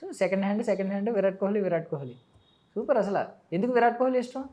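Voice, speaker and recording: A woman interviewing a child guest in a relaxed, playful way, teasing him with a stream of questions and mixing English words into her speech. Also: mid-range voice, racing. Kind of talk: casual interview chat.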